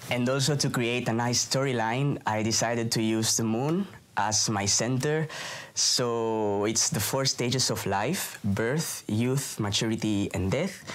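A man's voice: medium pitch, measured pace, a bit bright. A man in his twenties from Spain, earnestly explaining his own composition into a lapel mic in an indoor studio. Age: 20s. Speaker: flutist and composer introducing his piece. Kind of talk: personal video introduction. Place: indoor studio against a dark backdrop.

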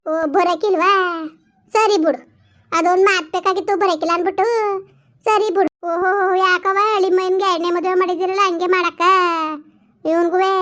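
Woman as a village woman in a feud: very high voice, rapid scolding, argumentative. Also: fairly bright tone, highs cut off. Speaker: village family drama actor. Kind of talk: village family drama dialogue.

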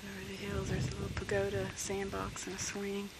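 A woman slowly narrating a home video tour outdoors into a camcorder's built-in mic, losing her voice. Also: medium pitch, monotone, very noisy. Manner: slow, soft-spoken pointing out sights. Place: outdoor grounds and buildings of a campus.

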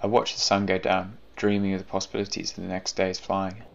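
A man, narrating his own mountain trip in a calm, even voice. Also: low-pitched, brisk, vocal fry, muffled recording, background noise. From England. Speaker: paraglider filming his trip. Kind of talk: scripted narration and on-the-spot vlogging. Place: outdoors in the mountains. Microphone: action camera on his gear.

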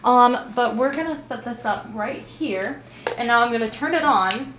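A woman investigating a haunted lighthouse, explaining her equipment step by step and talking gently to the spirits. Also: fairly high pitch, normal speed, a little hiss or hum. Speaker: paranormal investigator. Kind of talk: casual on-location narration. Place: old lighthouse keeper's house indoors.

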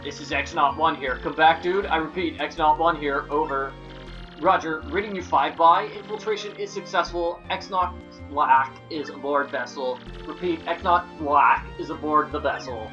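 A man's voice: on the high side, moderate pace, pushed and bright, dull audio, faint music behind, voice pushed down. A man voicing a businesslike covert agent from a video game, making terse military-style reports. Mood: secretive, businesslike. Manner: terse military radio delivery. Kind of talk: video game character voice-over.

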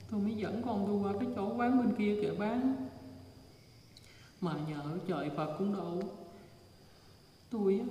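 A woman's voice: mid-range voice, mellow, a little hiss or hum, lightly acted. A woman playing the vengeful ghost of a woman in her thirties, speaking in a mournful, lamenting way. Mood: sorrowful. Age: 30s. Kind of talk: ghost drama acting. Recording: echoey hall from far off.

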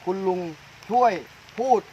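In a rainy coconut orchard, a fertilizer brand owner interviews a farmer for a promotional video, eagerly repeating each answer back. His voice is warm and a little slow, captured on lo-fi audio with slight background noise.

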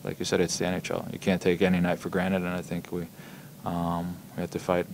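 A young man, a hockey player, answering reporters' questions at a postgame press conference, halting and full of ums and repeated words, speaking into table microphones in a press room. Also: sits low, monotone, creaky, a little mellow, a little hiss or hum. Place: press room in front of a logo backdrop. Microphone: table microphones in front of him.

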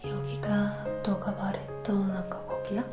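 A woman whispering gently and affectionately in a roleplay ASMR, talking softly to the listener. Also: mid-range voice, flat delivery, unhurried, roomy sound, over loud music. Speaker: ASMR creator.

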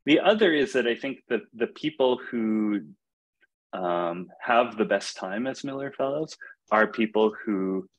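A young man giving casual advice on a video call webinar, relaxed, with many fillers and restarts. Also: fairly low pitch, low-quality recording. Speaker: fellowship alumnus speaker.

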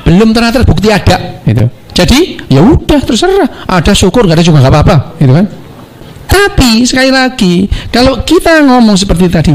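Animated high-voiced man, lively and playful. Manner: animated, playful, acts out quoted dialogue. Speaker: doctor speaking on neuroscience. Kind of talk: casual talk, lecture-like anecdotes.

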